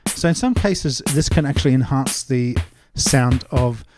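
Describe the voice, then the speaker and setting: Demonstrating as he goes, a man gives a casual, step-by-step music production tutorial. His voice is medium in pitch and a little slow, with music loops and vocal samples behind him.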